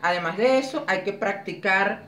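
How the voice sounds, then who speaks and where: A woman leading a public speaking workshop, explaining exercises clearly and demonstrating intonation with lively expression. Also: medium pitch, normal speed. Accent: Spanish. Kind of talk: teaching a workshop. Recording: echoey room, voice from a distance.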